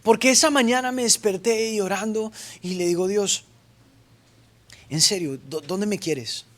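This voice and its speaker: A man's voice: sits high, measured pace. A young man, a pastor, preaching a sermon and telling his story with playful asides and acted-out dialogue. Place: church stage.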